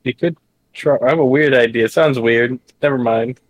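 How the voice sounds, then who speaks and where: A man's voice: medium pitch, moderate pace, no echo. A man playing a tabletop role-playing game, speaking casually in character with hesitant restarts.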